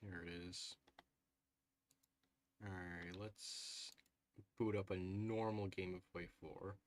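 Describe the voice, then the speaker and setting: Speaking slowly in a deep, steady voice, a man comments on a game he's streaming live through a headset microphone. He addresses his chat, muses aloud, and often lets out "ooh"s and soft laughs.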